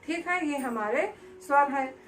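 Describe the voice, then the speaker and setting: A woman teacher giving a lesson slowly, repeating key words and asking questions she answers herself. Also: high voice, animated, a bit bright, reverberant, low-quality recording. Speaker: school teacher. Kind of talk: classroom-style lesson.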